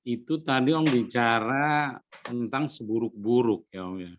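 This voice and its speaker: A man's voice: mid-range voice, a little slow, highs cut off, a little hiss or hum. A cleric raising a question in a discussion, hesitant and repeating his words.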